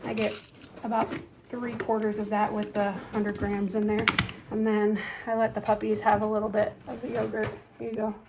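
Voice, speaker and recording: A woman's voice: medium pitch, monotone, normal speed, background noise. A woman chatting casually in a vlog, upbeat and full of fillers, a bit congested from allergies. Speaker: vlogger, triathlete. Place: outdoors on a run, then a kitchen.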